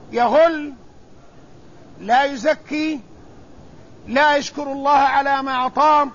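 A male preacher delivering a religious sermon in a slow, measured way, with solemn repetition. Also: extremely high pitch, fairly bright tone. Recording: dull lo-fi recording with faint noise.

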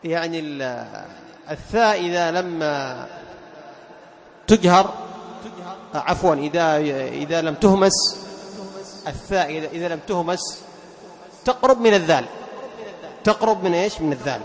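Male recitation teacher with a high voice, leads a class, drags out example words to demonstrate sounds and asks students for answers. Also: expressive, normal speed, pauses often. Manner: quizzes students with questions and praises answers. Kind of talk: classroom lesson on recitation rules.

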